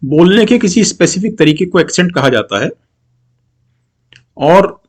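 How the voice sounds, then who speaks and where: Middle-aged Indian man, exam-prep tutor, slightly high-pitched, mixes Hindi and English, reads examples slowly. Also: expressive. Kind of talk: explaining grammar questions in a video lesson.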